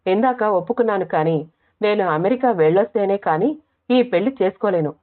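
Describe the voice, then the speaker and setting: A woman's voice: medium pitch, brisk, lightly acted. A woman narrator voicing a headstrong young woman who has just become a mother, pert and insistent. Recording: tinny phone-like audio.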